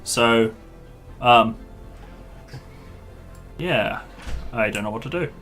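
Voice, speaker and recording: A man's voice: mid-range voice, expressive, very slow, a bit bright, soft background music. A man live-streaming a game, chatting casually and informally with his viewers in a matey way. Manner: matey, informal address to the group. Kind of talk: casual live gaming commentary, chat with viewers.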